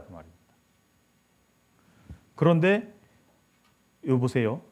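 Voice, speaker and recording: Animated male pastor preaching. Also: mid-range voice. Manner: animated storytelling, acting out the story's voices. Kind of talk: sermon. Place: church sanctuary.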